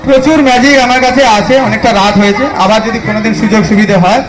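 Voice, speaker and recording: A man's voice: high voice, racing. A man with a West Bengal accent doing live magic show patter, chatting to the audience like a kids party magician. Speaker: stage magician. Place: live club function stage. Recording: echoey live PA with music.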